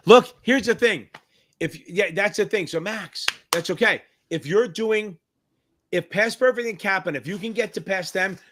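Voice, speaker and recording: Man, middle-aged, livestream host, hyped and swearing, fairly high voice, bright and forceful. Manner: hyped, profane, shouty cheers; reads out viewer names and answers them. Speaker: livestream host and exam tutor. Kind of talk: live Q&A chat.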